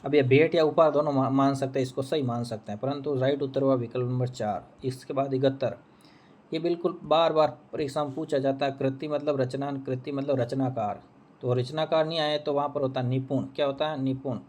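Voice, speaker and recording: A man's voice: medium pitch, fairly even intonation, fairly quick, a little mellow. A man teaching Hindi, walking through an exam answer key, who repeats each answer and asks and answers his own questions.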